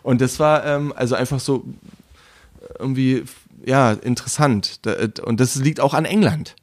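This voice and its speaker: A man's voice: mid-range voice, normal speed, a little mellow, no room sound, studio quality. A young man from Brandenburg, guest on a casual podcast chat, talking in a rambling, hesitant way with many fillers and restarts. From Brandenburg, Germany.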